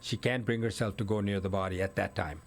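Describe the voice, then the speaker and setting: A man's voice: lowish voice, fairly even intonation, fast talker, gravelly, a little hiss or hum. A man telling a case in step-by-step detail in a casual conversation, correcting himself as he goes. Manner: detailed step-by-step retelling, with self-corrections and fillers. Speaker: guest recounting a murder case. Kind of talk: conversational storytelling.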